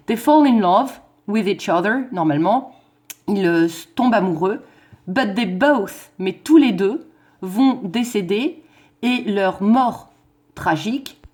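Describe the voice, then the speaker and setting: A woman teacher with a mid-range, slightly mellow voice explains English verse in a recorded online lesson. She goes slowly, moves back and forth between French and English, and counts stresses and beats out loud.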